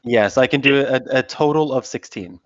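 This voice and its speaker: A man's voice: mid-range voice, normal speed, highs cut off. A man playing an assassin in a tabletop game, describing his moves with hesitant restarts. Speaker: player. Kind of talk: casual tabletop game chat.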